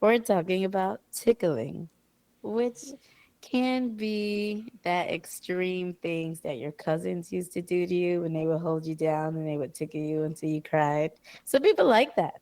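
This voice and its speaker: A woman's voice: lowish voice, unhurried, dark tone, no echo. A woman co-hosting a podcast in casual chat, playful and giggly. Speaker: podcast co-host.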